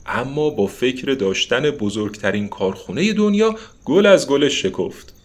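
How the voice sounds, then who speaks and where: A man's voice: mid-range voice, very animated. A man narrating a children's story expressively, with asides to the listeners.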